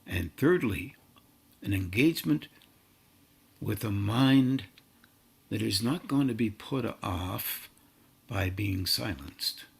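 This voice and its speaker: A man giving a meditative spiritual talk in slow, halting, drawn-out phrases. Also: fairly low pitch, animated, vocal fry, husky. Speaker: spiritual teacher.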